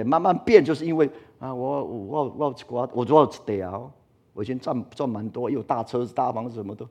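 Husky-voiced male pastor preaching. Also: medium pitch, darkish tone. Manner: emphatic, asks the congregation rhetorical questions. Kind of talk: sermon.

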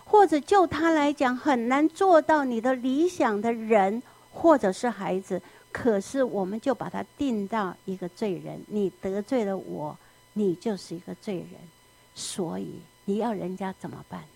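A woman preaching in an animated storytelling manner, often asking the listeners questions. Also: medium pitch, normal speed, gravelly. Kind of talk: sermon.

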